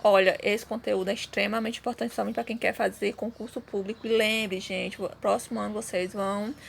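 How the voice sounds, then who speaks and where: This Brazilian teacher runs a recorded online Portuguese lesson in a mid-range, gravelly voice with a level tone, speaking a little fast. She explains patiently step by step and keeps checking in with students, with slight background noise present.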